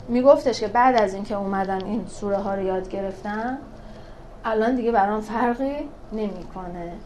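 A woman teaching a religious class on scripture verses. She talks in a lively way, asks rhetorical questions and answers them herself, and recites verses slowly. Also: mid-range voice, slight background noise. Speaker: teacher of a Quran class for women. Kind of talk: religious lesson explaining scripture.

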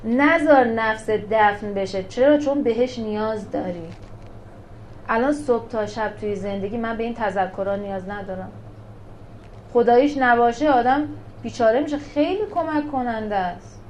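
Giving a religious lesson to a small group, a woman asks her listeners questions and answers them herself, speaking with emphasis. Her voice is fairly high and a little mellow, and the low-quality recording carries a faint underlying noise.

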